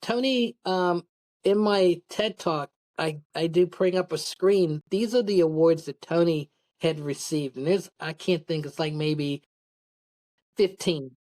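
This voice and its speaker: Speaking a little slowly in a somewhat mellow, low-leaning voice, a middle-aged woman appears as an interview guest. She's a podcast guest and public speaker who shares personal stories candidly, casually, and with plenty of rambling.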